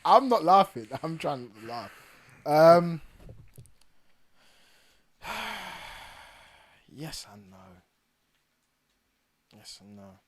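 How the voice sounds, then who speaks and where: A man's voice: on the high side, very slow, pauses often. Laughing young podcast man. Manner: animated, laughs often, trails off quietly when serious. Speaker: podcast co-host. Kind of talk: casual chat.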